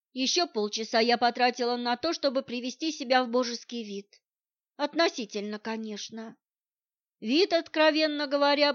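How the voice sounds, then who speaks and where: Woman narrating a novel, wry. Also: on the high side. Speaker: audiobook narrator. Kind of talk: first-person novel narration. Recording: dull lo-fi sound.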